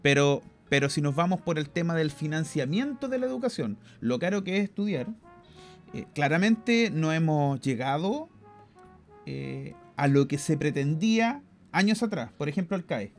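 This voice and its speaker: A man's voice: fairly high pitch, lively intonation, moderate pace, soft background music. A Chilean man co-hosting a podcast, giving strong opinions in casual discussion and often repeating words as he thinks. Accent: Chilean Spanish. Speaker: podcast co-host.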